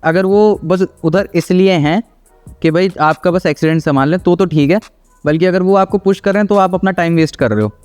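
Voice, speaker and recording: A man's voice: high-pitched, a little fast, darkish tone, soft background music. A man giving casual, teasing commentary on gym videos, explaining technique and often checking in with "theek hai". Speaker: fitness video reactor and host.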